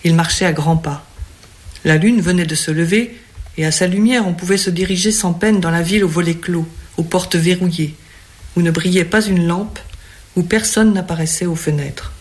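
A narrator reading a novel aloud in measured, even storytelling. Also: medium pitch. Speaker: audiobook narrator. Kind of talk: scripted narration.

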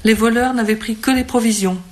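A narrator reading a novel aloud in measured, even storytelling. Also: mid-range voice. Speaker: audiobook narrator. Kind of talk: scripted narration.

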